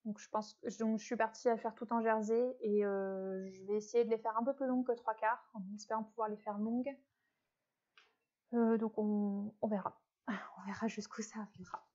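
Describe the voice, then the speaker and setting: A woman's voice: medium pitch, steady tone, normal speed, dark tone, dull audio. A woman hosting a knitting podcast, chatting casually about her projects with lots of hesitant fillers. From France. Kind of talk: casual show-and-tell chat.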